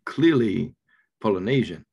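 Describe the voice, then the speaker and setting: Deep, husky Australian man, laid-back. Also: expressive, a little slow, darkish tone. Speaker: podcast host. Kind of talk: casual chat.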